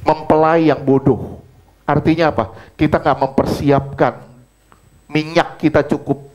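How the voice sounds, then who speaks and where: A man's voice: on the high side, little pitch movement, a little slow, darkish tone, rough recording. A middle-aged male pastor preaching a sermon, repeating key phrases for emphasis and weaving in personal testimony in a conversational way.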